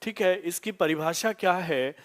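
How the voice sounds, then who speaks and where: A man teaching a live online grammar lesson, repeating key terms and asking his students questions to answer back. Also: sits high. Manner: repetitive call-and-response questioning; drawn-out slow emphasis on key terms.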